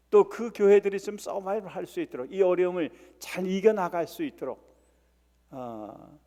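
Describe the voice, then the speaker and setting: A man preaching a Sunday sermon as pastor, earnest, stretching key words for emphasis and pausing with fillers. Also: a little high, mellow, long reverb tail. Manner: frequent "eo" fillers and restarts. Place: church sanctuary.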